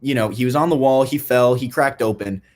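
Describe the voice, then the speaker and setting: Young guy, youth group speaker, deadpan joking conspiracy bit, talks to a live room. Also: medium pitch, brisk. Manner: playful deadpan, mock-serious, rambling with restarts.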